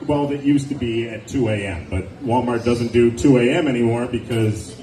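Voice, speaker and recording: A stand-up comedian in his forties, medium-pitched with a dark tone and normal speed, works an indoor nightclub crowd on a handheld mic. Sardonic asides and easy audience chatter define his manner. The echoey room is recorded from afar, and background noise is audible.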